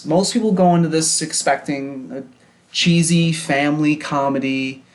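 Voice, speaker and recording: A man's voice: a little high, moderate pace. A young man co-hosting a podcast, chatting casually about a movie with mock-serious, overblown praise. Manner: mock-serious, jokey overpraise. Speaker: podcast co-host. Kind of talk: casual movie-review chat.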